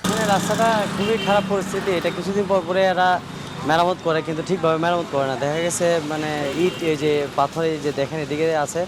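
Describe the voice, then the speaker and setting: A man's voice: fairly high pitch, fairly even intonation. A man resident complaining in a street interview outdoors by a road. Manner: quick, complaining. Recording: street traffic behind. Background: traffic.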